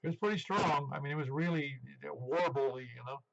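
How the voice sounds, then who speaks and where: Heard as a two-way radio transmission in dull, band-limited ham radio audio, a man in his seventies runs an amateur radio net, handling casual check-in talk in a chatty, rambling, easygoing way. His voice is on the high side and fairly quick, with vocal fry and slight background noise.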